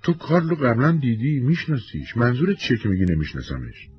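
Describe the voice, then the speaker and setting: A man's voice: mid-range voice, wildly swooping pitch, dull audio, soft background music, voice pushed up. A man voicing a hesitant, defensive young husband in a storybook reading.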